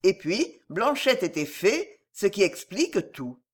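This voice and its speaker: Woman, storybook narrator, expressive, measured, animated pitch. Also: husky.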